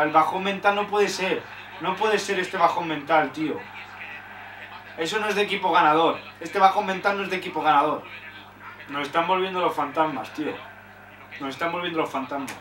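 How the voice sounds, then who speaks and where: A young Spanish man with a fairly high voice reacts to a live football match, frustrated, swearing often and shouting at big chances. He's far from the mic, and the audio has a roomy echo and a noisy background.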